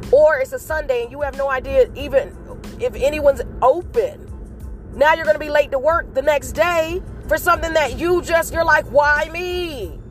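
A woman giving an earnest, casual motivational talk to her viewers, telling a story with animated acted outbursts. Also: high-pitched, moderate pace, soft background music. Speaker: motivational vlogger.

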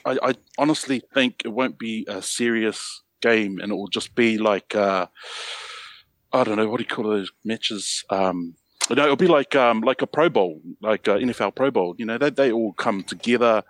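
A man's voice: lowish voice, normal speed, no room sound. A man, chatting casually and thinking aloud as a podcast panellist. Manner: hesitant, colloquial, thinks aloud. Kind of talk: casual chat.

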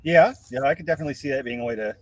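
A man's voice: medium pitch, very fast, poor audio. A man co-hosting a podcast, chatting casually and agreeing along with his guest. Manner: supportive listener, short agreeing replies. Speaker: podcast co-host.

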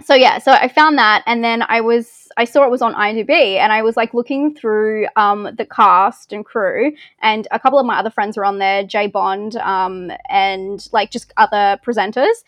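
A woman's voice: medium pitch, normal speed, few pauses, a bit bright, dry recording. Australian woman in her thirties, chatty, self-deprecating, laughs a lot, dry close-miked sound. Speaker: film reviewer guest. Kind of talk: casual interview chat.

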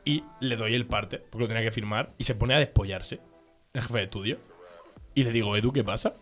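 A man's voice: lowish voice, a little fast, fairly bright tone, faint music behind. A young man with a Spanish accent from Spain, telling school stories in a casual chat and laughing through them.

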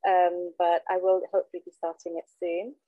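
A nervous woman from London with a lowish voice, a trainee counsellor appearing as a podcast guest, tells personal stories casually in an interview. She speaks briskly and flatly into a handheld mic on a remote call. The audio is dull, with no room sound.

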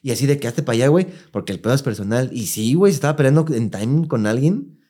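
A man's voice: mid-range voice, fast talker, slightly rough. A young Mexican man co-hosting a podcast, telling a story in casual slangy chat and acting out the people he quotes. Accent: Mexican Spanish. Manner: animated, slangy, acts out quoted voices. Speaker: podcast co-host.

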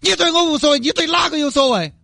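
A man's voice: fast, creaky, pushed and bright, no echo, soft background music, exaggerated voice. A man voicing a quarrelsome young wife who nags and scolds with a Sichuanese accent. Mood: complaining. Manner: shrill, scolding, argumentative. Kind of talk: comedy sketch acting.

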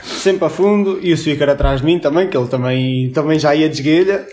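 A man's voice: fairly high pitch, a little fast, a little mellow. A young man with a European Portuguese accent, telling a story in casual podcast chat, laughing often and swearing freely. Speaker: podcast co-host.

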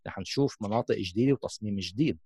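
A man's voice: on the low side, rapid-fire, a little mellow, breathy edge, dry recording. A man with a Levantine Arabic accent giving a casual explanatory tech talk as a gaming host, mixing in English terms.

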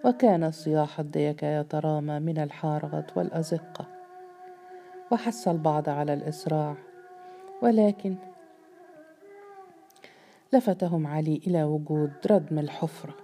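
A woman reading a novel aloud as narrator in a measured, dramatic style. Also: low voice, warm tone, a little hiss or hum. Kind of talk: scripted audiobook narration.

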